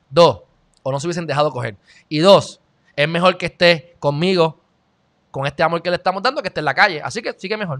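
A man's voice: high voice, bright, forceful tone. A man with a Puerto Rican accent hosting an opinionated commentary monologue, blunt and lecturing. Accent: Puerto Rican Spanish. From Puerto Rico. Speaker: commentary show host.

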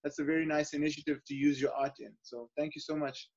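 The host of an online open mic, a young man in an indoor room, talks fast in a slightly high, darkish voice with a breathy edge and fairly even intonation. He's casual, with many restarts and fillers. The laptop webcam audio on the video call is dull and lo-fi.

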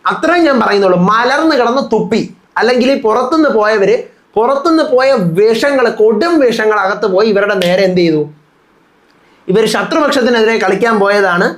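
A man's voice: sits high, animated. A man with a Malayali accent, hosting a reality show review channel and giving insistent live-update commentary while retelling what contestants said. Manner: rapid, insistent, retells quotes.

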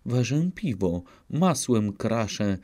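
A man's voice: on the low side, big pitch swings, takes it slowly, mellow. A man voicing a young female cat, a chatty maidservant, speaking in sing-song rhyming replies in a storybook reading. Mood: eager.

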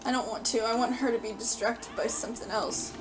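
A woman reacting live to her gameplay, excitably pleading and yelling at the screen, with faint game music behind her. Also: a little high, a little fast. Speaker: gameplay video host. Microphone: desk mic.

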